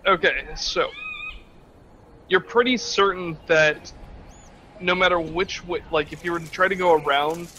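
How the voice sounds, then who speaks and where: A man's voice: high-pitched, unhurried, long pauses, pushed and bright, slight background noise, rough recording. A man acting as game master in a tabletop game, describing the scene in a rambling, hesitant way with many restarts.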